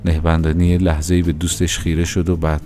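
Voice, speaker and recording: Deep-voiced man narrating a story. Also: level tone, over music. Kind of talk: scripted narration of a short story.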